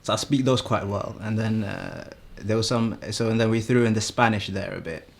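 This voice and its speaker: A young man in his twenties from Sweden, a guest talking in a halting, easygoing way with many restarts. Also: on the low side, gravelly. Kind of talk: casual chat.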